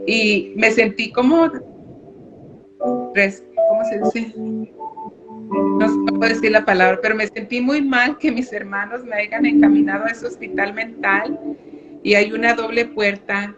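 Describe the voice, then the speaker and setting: A woman's voice: a little high, steady tone, a little slow, long pauses, loud music behind the voice. A woman giving a personal faith testimony as a radio guest, hesitant and with frequent filler words. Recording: muffled radio recording with background noise.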